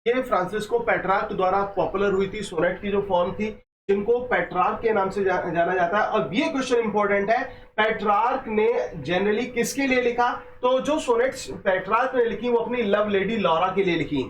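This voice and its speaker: High-voiced teacher in an echoey room. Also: male voice, recorded from a distance, a little hiss or hum. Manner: quizzing, repeats key points; slows down to read English passages. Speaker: exam-prep teacher. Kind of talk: Hindi-English exam lecture.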